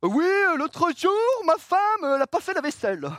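A man putting on the voice of a middle-aged male comedian griping about his wife, high and excited. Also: a little fast, no echo, studio quality, exaggerated voice. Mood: complaining.

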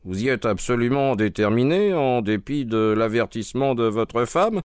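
Man reading a measured, calm detective. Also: medium pitch, clear, resonant tone, no room sound, clean studio sound, pitched above the performer's own voice, close to an everyday voice.

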